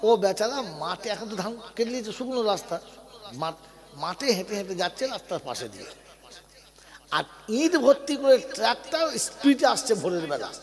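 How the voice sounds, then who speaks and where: A man's voice: high voice, long reverb tail. A man preaching a sermon to a crowd, telling stories and calling on listeners to answer aloud. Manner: storytelling, calls on the audience to answer.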